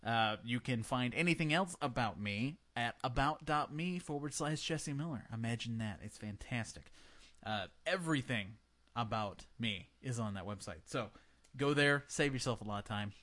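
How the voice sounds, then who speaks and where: A man's voice: medium pitch, expressive, normal speed, a bit bright. A man with a small lisp, co-hosting a tech podcast and wrapping up the episode in a joking, rambling way. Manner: jokey, rambling, laughs at his own jokes. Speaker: podcast co-host. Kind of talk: casual podcast sign-off chat.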